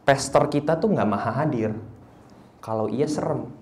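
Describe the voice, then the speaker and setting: A young man preaching a lively sermon, animated, slipping into English phrases and acting out little voices, often rising to near shouting. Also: medium pitch, moderate pace, noisy background. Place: church hall.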